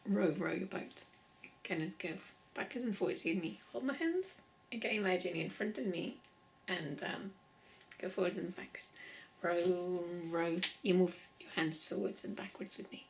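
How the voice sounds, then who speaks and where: A woman's voice: on the low side, normal speed, creaky, slight background noise, poor audio. A woman leading a laughter yoga session, playful, laughing often and chanting vowel sounds. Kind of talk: guided exercise session.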